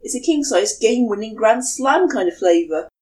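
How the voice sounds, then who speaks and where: A woman's voice: a little high, lively intonation, moderate pace, mellow, voice pushed up, lightly acted. A woman voicing a cocky, teasing young man, the eldest brother. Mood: smug. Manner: smug, teasing.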